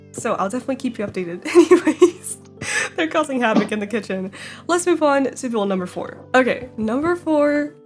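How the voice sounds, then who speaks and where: A bubbly young woman chats through her Minecraft world in a slightly high voice, giggling and breaking into squeals. Loud music plays under her voice throughout. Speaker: Minecraft YouTuber. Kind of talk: casual gameplay commentary. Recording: loud music bed behind voice. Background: loud background music.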